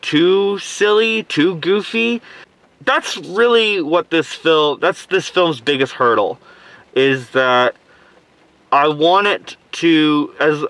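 A man's voice: fairly high pitch, a bit bright, dry recording. A man with a cold and sore throat chatting casually to camera from inside a parked car, voice slightly muffled by a face mask, rambling and rephrasing as he reviews films. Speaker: movie review vlogger.

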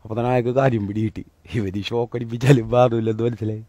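A man giving a motivational talk, telling a personal story in a colloquial, animated way that swings between loud and hushed. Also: mid-range voice, rapid-fire, no echo. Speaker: motivational speaker.

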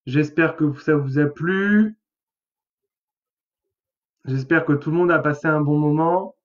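A man's voice: on the high side, takes it slowly, lo-fi sound. A man, a therapist hosting a live webinar, talking casually with many hesitations. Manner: chatty, hesitant with many fillers.

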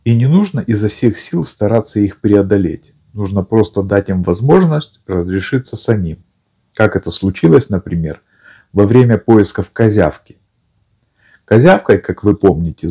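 A man narrating an audiobook in a calm, even storytelling manner. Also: on the low side, moderate pace, husky. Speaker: audiobook reader.

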